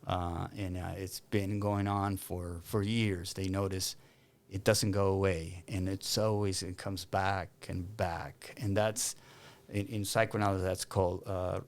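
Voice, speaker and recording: A man from Argentina, a clinical counsellor, explaining his work in an interview with many pauses and restarts. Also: low-pitched, flat delivery. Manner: thoughtful, many fillers and restarts. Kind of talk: interview conversation.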